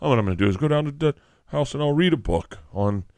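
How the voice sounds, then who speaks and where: A man's voice: medium pitch, animated, fast, darkish tone, no room sound. A young adult man co-hosting a podcast, telling rambling stories in casual chat, swearing and acting out what people said. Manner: rambling storyteller, swears, acts out quotes. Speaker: podcast co-host.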